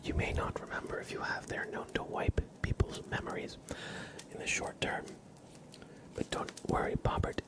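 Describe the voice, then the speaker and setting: A man hosts a live ASMR stream, talking softly and often whispering in a playful, deadpan roleplay style at a normal speed.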